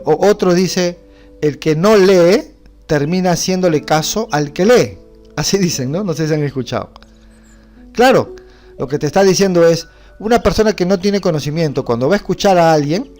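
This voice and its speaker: A man's voice: a little high, darkish tone. Bolivian man teaching, faint music behind. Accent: Bolivian Spanish. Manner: explanatory, asks the class rhetorical questions. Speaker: Bible class teacher. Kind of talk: teaching a Bible class.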